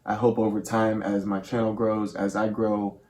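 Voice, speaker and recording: A man's voice: fairly low pitch, level tone, moderate pace, a little mellow, slight background noise. A man speaking earnestly as the host of a spirit box session, with affectionate, reverent wording toward viewers and spirits. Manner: addresses listeners and spirit with affectionate, reverent words.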